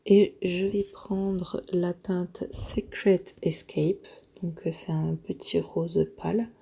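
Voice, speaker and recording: Woman doing a makeup tutorial, slow and husky, lots of ums, kinda whispery. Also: lowish voice, fairly even intonation, mellow. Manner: hesitant, with frequent filler pauses. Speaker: beauty vlogger.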